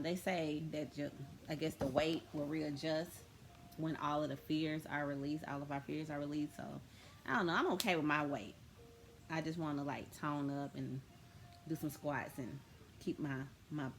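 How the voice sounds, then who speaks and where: A woman talks casually to her viewers. She rambles, restarts and fills gaps with "um" and "like". A faint hum sits behind her voice. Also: deep voice. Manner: rambling, chatty, with many fillers and restarts. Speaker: vlogger. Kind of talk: casual spiritual vlog talk.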